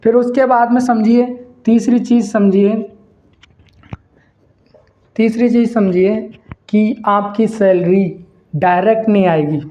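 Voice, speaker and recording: A man's voice: sits high, steady tone, slow, pauses often, warm tone. A man hosting his own channel, explaining business ideas to viewers in a repetitive, emphatic way and calling them brother. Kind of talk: explaining to camera, casual lecture.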